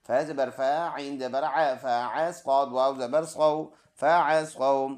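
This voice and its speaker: A man's voice: mid-range voice, fairly even intonation, slow. A man teaching Quran reading, spelling out each word letter by letter and vowel by vowel before reciting the full verse. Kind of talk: slow spelled-out recitation lesson. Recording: echoey room.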